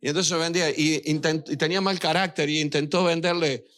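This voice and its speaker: A man's voice: a little high, steady tone, a little fast, fairly bright tone. A male pastor preaching a sermon, speaking directly to his church and weaving in personal anecdotes.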